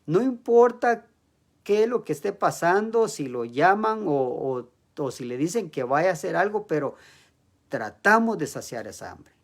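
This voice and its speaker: A man's voice: on the high side, measured pace. A man preaching an evening sermon to his church, asking the listeners questions and acting out heartfelt prayers aloud. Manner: animated, acts out prayers aloud, rising to loud pleading passages.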